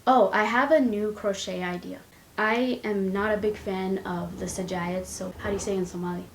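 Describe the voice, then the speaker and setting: A woman's voice: mid-range voice, steady tone, normal speed, gravelly, a little hiss or hum. Chatty young woman vlogging in an echoey room. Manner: chatty, rambling, giggly asides. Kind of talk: casual chat. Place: indoors at home, her room. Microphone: compact camera's built-in mic.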